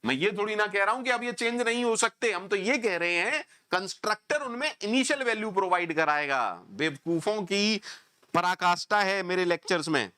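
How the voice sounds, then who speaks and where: Teacher, male, bright and clear, sarcastic, scolding lecturer. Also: sits high, lively intonation, normal speed. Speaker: programming teacher. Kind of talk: online coding lecture.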